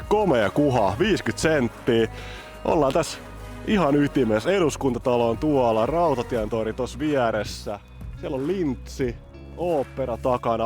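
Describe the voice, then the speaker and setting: Here an excitable Finnish fishing vlogger from Helsinki talks casually outdoors on a frozen city lake. His mid-range voice carries a chatty, eager explanation of how he fishes.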